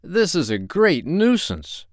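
A man's voice: fairly high pitch, wildly swooping pitch, slow, no echo, pitched above the performer's own voice, heavily acted. A man doing a fretful, kindly doctor. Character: fussy, kindly middle-aged male doctor. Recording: dry close recording.

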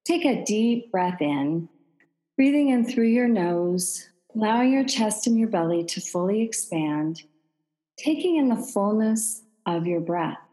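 A woman podcast host leading a guided breathing meditation in a calm, soothing, meditative tone. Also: medium pitch, unhurried, in a large hall, low-quality recording.

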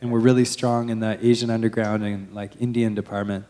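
Mellow low-voiced man telling a story. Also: flat delivery, brisk. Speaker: DJ and band member. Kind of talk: casual interview chat.

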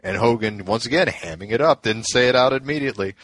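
A man's voice: medium pitch, fast, a bit bright. A man casually retelling old wrestling events, rambling with plenty of fillers and restarts. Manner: loose storytelling with many fillers and restarts. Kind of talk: casual wrestling history chat.

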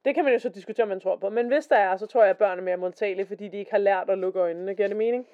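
A woman co-hosting a casual podcast, reading stories aloud and chatting. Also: medium pitch. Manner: chatty, reads quotes in a slower voice. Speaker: podcast co-host. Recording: dull lo-fi podcast recording.

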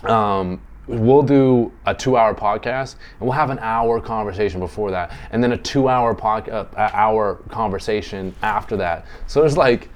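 A man's voice: lowish voice, normal speed, hardly any pauses. A man hosting a podcast in casual chat, rambling and self-deprecating, laughing easily. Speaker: podcast host.

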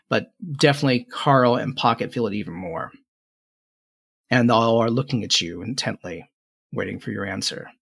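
A man's voice: medium pitch, vocal fry, a bit bright, husky. Man narrating a fantasy tabletop game. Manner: descriptive, halting, rephrases as he goes. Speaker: game master.

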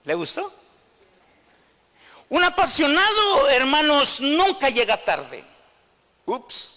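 A man's voice: very high voice, huge pitch swings, slow pace, pushed and bright, in a large hall. A man preaching a sermon, telling a story and making rousing calls to the congregation. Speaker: pastor.

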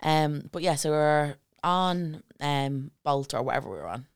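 A woman's voice: low voice, normal speed, clear, resonant tone, no echo, clean studio sound. A woman co-hosting a podcast, telling a story in casual chat and acting out what everyone said, with the odd swear. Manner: animated storyteller acting out quotes, swears freely. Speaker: podcast co-host.

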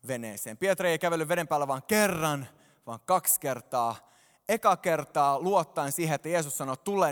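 High-voiced man preaching in reverberant hall. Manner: animated, addresses congregation directly. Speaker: pastor. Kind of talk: sermon. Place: church hall stage.

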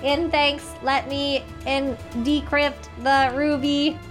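A woman's voice: sits high, level tone, takes it slowly, soft background music. A woman playing a cheerful, formal robot adventurer. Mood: grateful.

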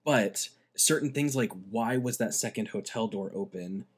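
A man co-hosting a casual film review, talking in an opinionated, animated way. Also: fairly low pitch, moderate pace, husky. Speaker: podcast co-host.

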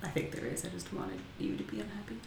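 A woman's voice: medium pitch, fast, gravelly. A woman co-hosting a casual chat show, playful and joking. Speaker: podcast co-host. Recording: roomy echo, faint background hiss.

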